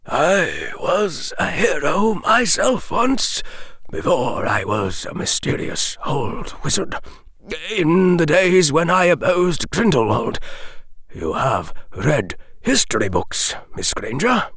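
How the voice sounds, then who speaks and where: A man voicing a gentle, sorrowful old male wizard, speaking slowly and solemnly, often sinking into a whisper. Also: fairly high pitch, big pitch swings, husky, no room sound, clean studio sound, pitched above the performer's own voice, full character voice. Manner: slow, soft, partly whispered, solemn. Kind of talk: audiobook character reading.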